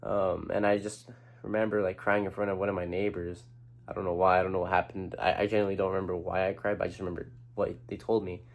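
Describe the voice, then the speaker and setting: This young vlogger has a deep, level voice and talks fast in lo-fi audio. Addressing the camera, he rambles earnestly about his feelings, restarting often and swearing casually.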